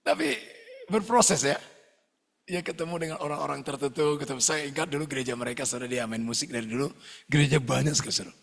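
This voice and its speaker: Male pastor, jokey and animated preaching, mimics people in stories; husky, gravelly. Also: on the high side, fast. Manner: lively, jokey preaching, often addressing listeners as "saudara"; mimics other people's voices when retelling stories. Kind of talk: sermon.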